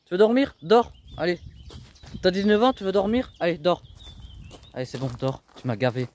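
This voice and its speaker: A man's voice: high-pitched, big pitch swings, normal speed, darkish tone, slight background noise. A man working as a youth educator, firm and scolding with teenagers, raising his voice when annoyed. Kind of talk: coaching young people.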